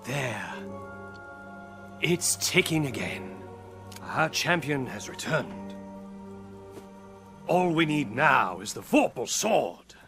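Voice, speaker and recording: An actor playing an eccentric, madcap hatter in a video game, theatrical and erratic, moving between hush and exclamation. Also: male voice, mid-range voice, sing-song, takes it slowly, creaky, long pauses, over music, exaggerated voice. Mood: wistful, musing. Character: eccentric madcap Hatter, whimsical, excitable lunatic. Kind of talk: video game cutscene acting.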